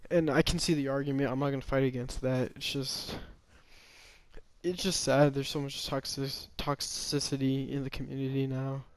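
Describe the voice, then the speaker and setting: A man's voice: mid-range voice, flat delivery, normal speed. Hesitant young man rambling his opinions. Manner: hesitant, rambling, sighing, many restarts and fillers. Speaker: gamer giving opinions. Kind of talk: casual opinion monologue.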